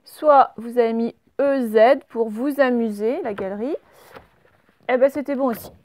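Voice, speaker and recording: A woman teacher leading a remote handwriting and dictation lesson, slowly spelling words out letter by letter. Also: fairly high pitch, a little mellow. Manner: slow, spells out letters step by step. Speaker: primary school teacher.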